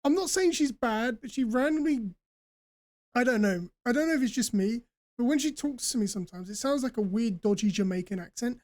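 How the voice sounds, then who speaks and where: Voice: mid-range voice, animated, brisk, darkish tone. A streamer chatting casually and rambling while playing a game. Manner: chatty, rambling, laughs often. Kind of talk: casual gameplay commentary.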